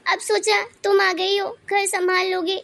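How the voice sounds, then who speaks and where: A woman acts out a timid older mother-in-law in a cartoon story. She pleads meekly in a very high, flat voice with a gravelly edge. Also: measured pace, full character voice. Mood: pleading. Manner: meek, pleading, tearful. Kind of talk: cartoon voice acting.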